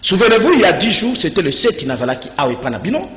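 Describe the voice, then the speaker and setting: Congolese guy preaching hard in an interview, high bright voice, swings all over, echoey room. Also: huge pitch swings, fast talker. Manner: fiery, declaiming, rises to shouts. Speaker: religious speaker in a debate.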